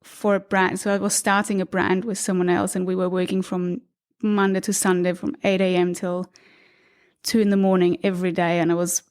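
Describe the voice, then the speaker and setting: A woman's voice: fairly low pitch, level tone, brisk, a little mellow, clean tone. A woman from Austria, in her thirties, talking reflectively as a podcast guest recorded in an apartment, laughing lightly now and then. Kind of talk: relaxed conversational interview. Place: apartment indoors.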